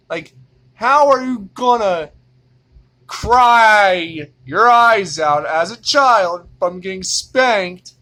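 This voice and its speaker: Slow, exasperated high-voiced man ranting. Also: pushed and bright. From Indiana. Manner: profane, exasperated, repetitive. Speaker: vlogger. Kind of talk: ranting monologue to camera.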